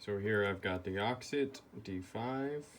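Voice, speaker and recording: Speaking a little slowly in a fairly low voice, a male repair video host guides viewers through a practical repair in careful steps. The background is clearly noisy.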